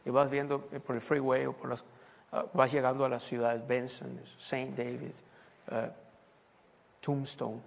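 A man's voice: mid-range voice, flat delivery, unhurried, gravelly, long pauses. A man preaching a sermon in a conversational way, asking his listeners question after question. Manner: conversational preaching, rhetorical questions, occasional English phrases. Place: U.S. Southwest. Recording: long reverb in a hall.

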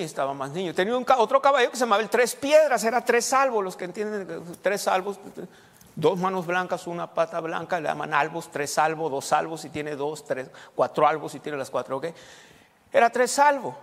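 A man's voice: sits high, brisk. A male pastor preaching a folksy, conversational sermon, repeating words and quizzing the congregation. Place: church hall. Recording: long church hall reverb.

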